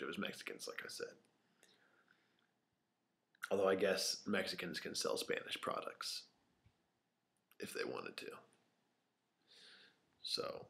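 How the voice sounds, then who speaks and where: In a small empty room, a young vlogger with a deep, gravelly yet fairly bright voice shares off-the-cuff stories with his camera. He uses many fillers and occasionally drops to a whisper, recorded on the camera's microphone.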